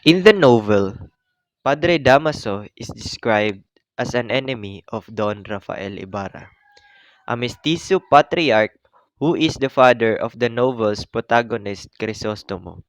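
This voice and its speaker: A young man with a Filipino accent reads out a class presentation in a measured, formal way. His voice sits mid-range for a man. The sound is dry and close. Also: mid-range voice, animated, no echo. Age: young adult. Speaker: student presenter.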